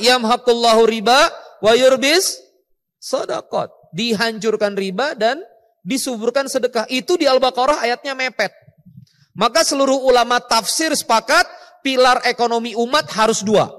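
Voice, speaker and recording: A man, a mosque preacher, giving a lively speech to an event audience, asking the crowd questions and quoting scripture. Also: high-pitched. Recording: echoey hall.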